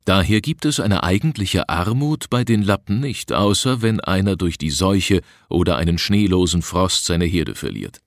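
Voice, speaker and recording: A man reading an adventure story aloud as narrator, in an even, measured storytelling manner. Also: deep voice, no room sound, clean studio sound. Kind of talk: audiobook reading of a travel adventure.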